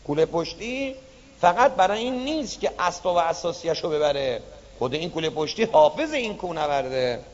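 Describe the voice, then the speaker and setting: A man's voice: sits high, in a large hall. A male preacher telling a story in a sermon, dramatically drawing out repeated words. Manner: dramatic storytelling, drawn-out repetitions. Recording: dull lo-fi recording.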